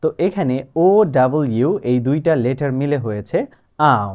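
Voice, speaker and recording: A man teaching a spoken lesson, explaining step by step and patiently repeating example words slowly and clearly. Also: mid-range voice, warm tone. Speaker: English teacher. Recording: dull lo-fi sound.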